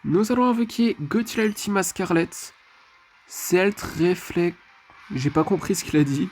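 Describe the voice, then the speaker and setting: A man's voice: high voice, animated, unhurried, darkish tone, soft background music. A man giving casual commentary over his mobile game match, chatty and leaning on filler phrases. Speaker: mobile game channel host.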